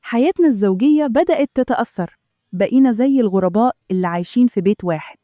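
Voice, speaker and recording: Egyptian woman narrating her story, steady and measured, highish voice but soft and mellow. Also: no echo, clean studio sound. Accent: Egyptian Arabic. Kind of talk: first-person story narration.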